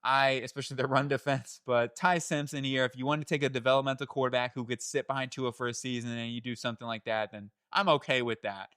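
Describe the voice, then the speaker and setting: A man hosting his own channel, talking through football draft picks in a chatty, animated way that jumps up in pitch when he gets excited and often corrects himself. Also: quick pace, hardly any pauses, clear, resonant tone, no room sound, studio quality. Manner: chatty, self-correcting, laughs at own slips. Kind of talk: solo sports analysis talk.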